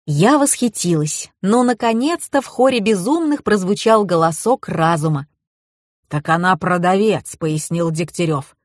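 A woman's voice: medium pitch, animated, normal speed, hardly any pauses, darkish tone, no room sound. Woman narrating, wry and dry. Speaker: audiobook narrator. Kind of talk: scripted narration.

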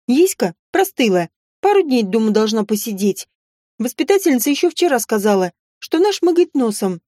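A careless, self-centered young mother in an audiobook story, brushing things off in an offhand, dismissive way, as a woman narrator puts her on. The voice sits fairly high with a mellow tone. It is recorded close and dry. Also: very animated, normal speed, dry recording. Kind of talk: audiobook character voicing.

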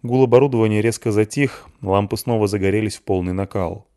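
A man reading a novel aloud with steady, dramatic narration. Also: on the low side, brisk. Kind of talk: audiobook narration.

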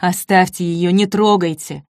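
A woman's voice: lowish voice, fairly even intonation, a little slow, no echo, clean studio sound. A woman voicing a defiant, grieving old man standing up to an officer. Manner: defiant, firm.

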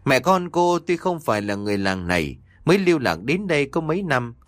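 Male storyteller for horror audio; expressive, animated pitch, dry booth. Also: a little fast, no room sound. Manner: expressive, dramatic reading. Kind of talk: scripted horror story narration.

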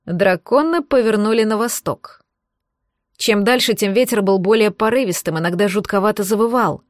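A woman narrating a fantasy audiobook in a measured, lightly dramatic voice. Her pitch sits in a middle range, and the recording is very dry and close. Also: dry recording. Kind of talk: scripted narration.

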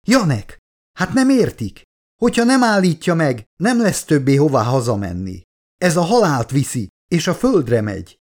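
A man's voice: mid-range voice, very animated, darkish tone. A man reading an audiobook, voicing a desperate female scientist who pleads urgently. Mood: pleading. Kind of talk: audiobook character voice.

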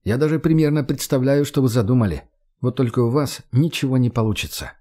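A guy doing a cool confident young dude, flat and sure of himself. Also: mid-range voice, fairly quick, lightly acted. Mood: skeptical. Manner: calm, blunt, matter-of-fact. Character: cool, self-assured young man, blunt and persuasive.

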